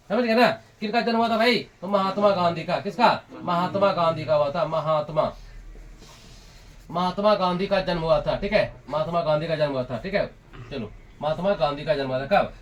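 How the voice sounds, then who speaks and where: A young man with a high, fairly bright voice teaches a classroom lesson. He repeats his points, drills students with questions, and both scolds and jokes with them.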